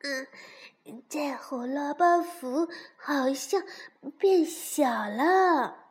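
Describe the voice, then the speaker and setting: A woman voicing a timid young male rabbit who talks in a shrill, panicky, whiny way. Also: expressive, very slow, exaggerated voice. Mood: puzzled.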